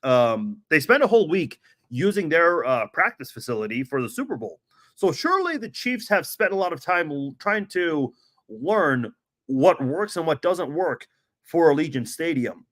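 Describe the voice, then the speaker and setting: A man hosting a sports podcast, his voice hoarse and worn out from yelling, giving emphatic opinions in a casual, halting way with awkward pauses. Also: on the high side, sing-song. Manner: opinionated, emphatic, rhetorical questions.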